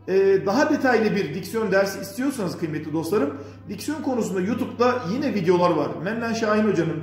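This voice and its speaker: A man hosting a diction lesson, speaking earnestly and piously and rambling with filler sounds. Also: sits high. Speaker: diction course host. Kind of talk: casual instructional talk. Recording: echoey room with faint music.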